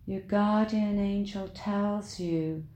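A woman leading a guided meditation in a soothing, deliberate manner, with long pauses between short phrases. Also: medium pitch, fairly even intonation, dark tone, echoey room.

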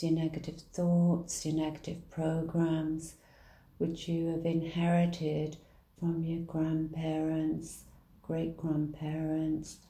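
A woman leading a guided healing meditation in a soft, soothing manner. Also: fairly low pitch. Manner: soft, slow, soothing delivery. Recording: roomy echo.

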